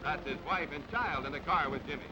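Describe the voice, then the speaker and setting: Reading scripted newsreel narration in clipped, dramatic announcer phrases, a man speaks fairly quickly on the high side. The dull, band-limited newsreel audio is very noisy, with loud music behind him.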